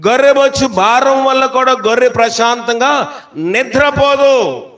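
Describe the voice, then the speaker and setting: Delivering a sermon in a high, somewhat bright voice, a pastor keeps throwing questions at the congregation. When he reaches scripture, he drops to a slow pace and leans hard on each word.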